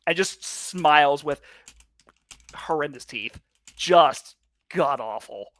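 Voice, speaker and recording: A man's voice: fairly high pitch, expressive, slow pace, a bit bright, no room sound. A man running a tabletop game as game master, narrating loosely with lots of "like" and fillers. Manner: loose, full of "like" and fillers, laughs often.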